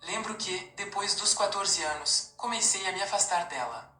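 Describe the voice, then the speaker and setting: A woman in her forties calmly narrating her own life story as a scripted first-person testimony. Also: mid-range voice, moderate pace. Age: 40s. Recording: roomy recording with faint music behind.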